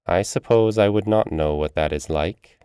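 A man reading the part of an aloof, ageless female witch, speaking slowly and tersely. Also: deep voice, warm tone, clean tone, no room sound, clean studio sound, lightly acted. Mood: cold, curt.

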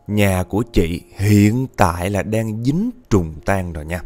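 A man voicing an old village fortune-teller who speaks slowly and solemnly. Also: lowish voice, a little mellow, natural voice. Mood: grave.

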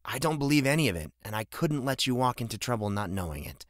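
A man's voice: medium pitch, very animated, fast talker, dry recording, studio quality, pitched above the performer's own voice, lightly acted. A man voicing a timid stable hand who speaks hesitantly and with a tremble. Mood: nervous.

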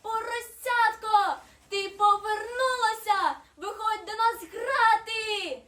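Brief: woman reading as a tiny playful snowflake girl for a storybook, very high and bright, sing-song, roomy distant mic. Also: unhurried. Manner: giggly, sing-song, calling out loudly.

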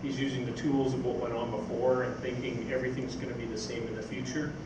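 Answering questions from the audience, an older science fiction writer delivers an informal, rambling, anecdotal stage talk in an event hall. He speaks quickly in a mid-range voice with a flat delivery. The far camera microphone leaves the recording echoey and noisy.

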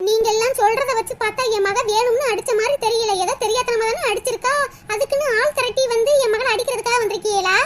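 A voice actor playing a proud, wealthy village mother in a cartoon comedy, scolding in a shrill, rapid way. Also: a bit bright. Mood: indignant.

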